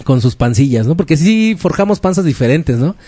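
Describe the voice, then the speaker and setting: A man's voice: on the high side, expressive, moderate pace, mellow, faint music behind. A man in his thirties with a Mexican Spanish accent, hosting a podcast in casual, joking chat full of slang. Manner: joking, chatty slang-filled banter. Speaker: podcast host.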